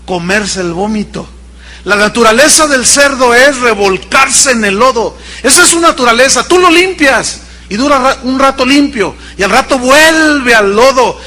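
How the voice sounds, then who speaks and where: A male pastor preaches in a church with a very high, bright, ringing voice. He tells his story with dramatic pauses, rushing ahead and then slowing right down to make a point. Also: long reverb tail. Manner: storytelling preacher, shifting between quick and slow, emphatic pauses. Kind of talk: sermon. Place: church sanctuary.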